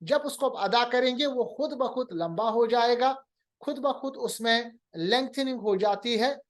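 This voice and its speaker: A man's voice: very high-pitched, measured pace. A man teaching Quran recitation in a recorded lecture, patiently explaining, mixing in English terms and drawing out sounds to demonstrate them.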